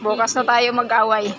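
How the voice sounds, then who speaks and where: A chatty woman with a high voice films herself shopping at a street market, joking with the sellers as she goes. A crowd murmurs around her and traffic rumbles behind. The sound comes from a handheld phone. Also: highs cut off. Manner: chatty, bantering with vendors. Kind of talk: casual chat while shopping.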